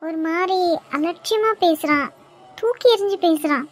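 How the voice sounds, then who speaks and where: A woman's voice: very high voice, normal speed. A woman voicing a worried young woman confiding in a friend in a cartoon, speaking with a Kanyakumari Tamil accent in a troubled, pleading tone.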